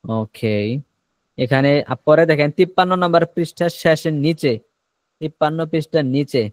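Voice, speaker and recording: A man's voice: on the high side, darkish tone, no echo. A man from Bangladesh teaching English in an online class on a video call, patiently repeating each word and its meaning.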